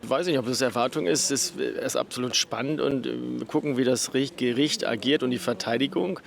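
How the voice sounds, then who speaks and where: A man's voice: mid-range voice, brisk, vocal fry. Hesitant man, outdoor street interview. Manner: hesitant, many fillers. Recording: crowd chatter behind.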